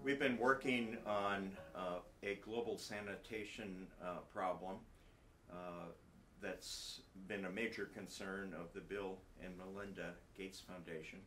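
A man in his sixties, a research professor, explaining his project to camera in a halting way with many filler pauses, recorded in an office. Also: low voice, steady tone, fairly bright tone. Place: indoor office. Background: faint music.

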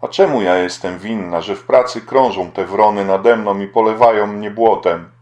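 A man's voice: on the low side, normal speed, darkish tone, natural voice. A man reading the part of a young woman who pleads and pities herself. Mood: pleading. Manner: pleading, self-pitying.

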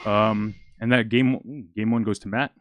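A man's voice: lowish voice, muffled recording, slight background noise. Breathless young man calling a live match. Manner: excitable, rapid, stumbling over words. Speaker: esports commentator. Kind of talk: live game commentary.

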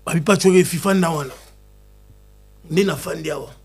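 Gravelly, husky man in lively chat. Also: on the high side, brisk. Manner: excitable, animated, mixing Lingala and French. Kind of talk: casual chat.

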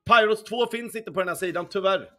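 A man's voice: high voice, pushed and bright. A young man streaming casino games, chatting casually with his viewers, swearing often and humming along to the music. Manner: answers viewer chat as he plays. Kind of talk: casual livestream chat. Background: faint music.

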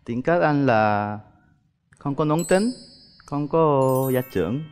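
A Korean man in his thirties speaking polite, halting Vietnamese with a Korean accent as he answers questions on a dating show. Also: medium pitch, animated, a little mellow, clear, resonant tone, in a large hall, soft background music. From South Korea. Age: 30s. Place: TV studio stage. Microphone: headset.

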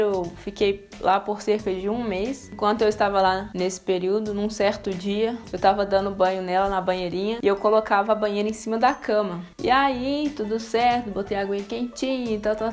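A young Brazilian woman telling a vlog audience about mishaps with her baby, lively and expressive. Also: medium pitch. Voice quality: lively, uses diminutives and exclamations. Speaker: vlogger. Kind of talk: casual storytelling to camera.

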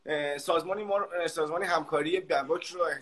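A man's voice: on the high side, fairly bright tone. A man interviewing an expert, asking questions in an informal way with hesitant fillers.

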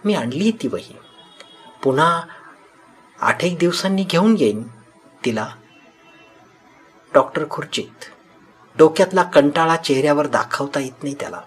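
Calm male story narrator. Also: fairly high pitch, unhurried, pauses often, slightly rough, faint music behind.

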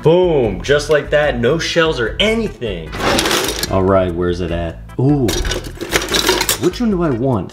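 A young man films himself baking in a home kitchen, cracking jokes and cursing as he talks to the camera. His mid-pitched voice swings up and down a lot. The kitchen sounds roomy, with music playing under him. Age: young adult. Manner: joking, swearing, talks to viewers. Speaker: vlogger. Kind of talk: casual cooking vlog. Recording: echoey kitchen with background music.

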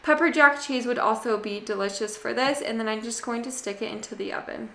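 A young woman narrating a casual cooking video from her home kitchen, chatty and relaxed, talking straight to her viewers. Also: fairly high pitch, a little fast, roomy sound, loud music behind the voice. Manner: chatty, relaxed, addresses viewers as "you guys". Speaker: cooking channel host.

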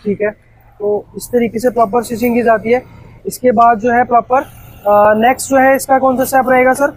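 A man's voice: extremely high pitch, level tone, no room sound, poor audio. A man hosting a market vlog, eagerly questioning a factory worker on a casual tour of a pillow factory floor. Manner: quick, eager questioning with many "hmm" and "okay ji" fillers. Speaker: market vlogger.

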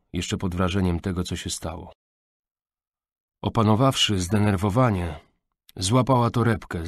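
A man reading a novel aloud as an audiobook narrator, measured and even, into a close studio mic. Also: fairly low pitch, no room sound. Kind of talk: scripted narration.

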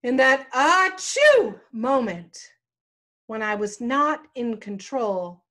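A middle-aged woman pastor preaching a sermon, telling a personal story with a slow storytelling cadence and dramatic pauses. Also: on the high side, fairly bright tone.

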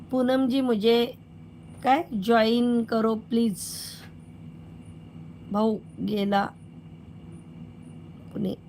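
A woman's voice: on the high side, a little hiss or hum. A woman hosting a casual live stream, playfully greeting viewers by name and thanking them for their support.

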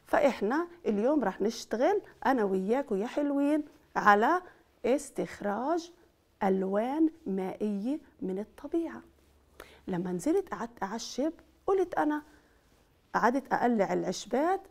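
A woman's voice: high-pitched, mellow. A middle-aged woman, talking like a kindergarten teacher as she leads a children's activity, questioning and praising her young audience. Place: indoor set with decorated backdrop.

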